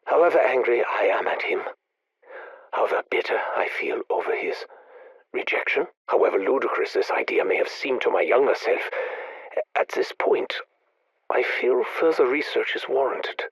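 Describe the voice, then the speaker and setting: An actor plays a grieving, obsessive male scientist in video game audio logs, speaking in a measured, brooding, confessional manner. His mid-range voice is husky and animated, with no room sound.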